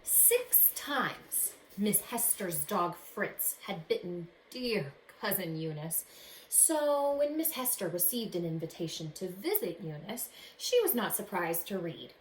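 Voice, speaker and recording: A fairly low-pitched female voice with big pitch swings reads a children's storybook to young listeners, like a teacher with a picture book. She reads with drama and stops to ask the children questions. The sound is echoey with faint background noise.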